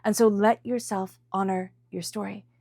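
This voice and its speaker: This tarot reader is congested from a cold, speaking at medium pitch with fairly even intonation, a moderate pace and a slightly mellow tone. She repeats phrases to stress them during her intuitive reading for viewers, recorded in studio quality with no echo.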